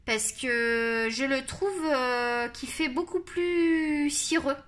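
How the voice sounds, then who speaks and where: A woman's voice: sits high, slow pace, fairly bright tone. A woman with a Marseille accent chatting and rambling as she tests coloring pencils on camera, mocking herself along the way. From France. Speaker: coloring channel host. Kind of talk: casual chat while testing art supplies.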